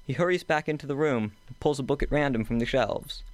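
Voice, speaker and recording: A young man, a student, reading his own short story aloud at a measured, steady pace. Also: medium pitch, dry recording. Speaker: student author.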